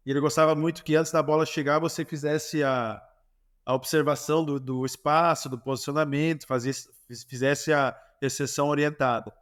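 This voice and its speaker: Brazilian man telling stories, slightly high. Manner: animated anecdote-telling with many restarts. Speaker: former goalkeeper, guest. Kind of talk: casual interview storytelling.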